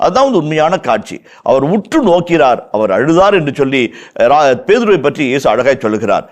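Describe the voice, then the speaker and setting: A man's voice: a little high, sing-song, a little fast. Man, Tamil accent, priest, scripture teaching, impassioned, repeats for emphasis. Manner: impassioned, repeats phrases for emphasis, acts out quoted lines. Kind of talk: verse-by-verse Bible teaching.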